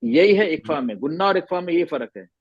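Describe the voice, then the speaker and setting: Male recitation teacher, patient, demonstrates sounds slowly, slightly high voice, dull dry line. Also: lively intonation, no echo. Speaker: Quran tajweed teacher. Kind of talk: online class instruction.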